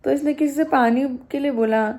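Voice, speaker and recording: Young female vlogger with a high voice, chatty and animated, retelling an event. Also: moderate pace. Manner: animated retelling, acting out what others said. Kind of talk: casual storytelling to camera.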